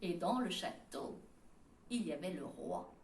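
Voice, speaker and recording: A woman from France telling a children's story, lively and playful, with sung refrains and sound effects. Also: lowish voice, unhurried, distant mic, slight background noise. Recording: roomy sound from away from the mic.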